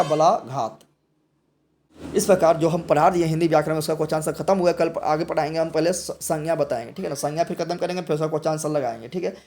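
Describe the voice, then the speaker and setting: A man's voice: on the high side, darkish tone. A man teaches a grammar lesson. He asks each question aloud, answers it himself, and often repeats words and restarts his sentences. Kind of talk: grammar lesson for exam revision. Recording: faint background noise.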